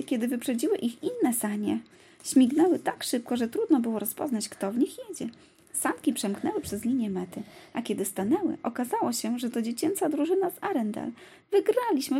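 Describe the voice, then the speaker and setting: A woman narrating a children's storybook aloud in a gentle, lively read-aloud manner. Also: a little high, slightly rough.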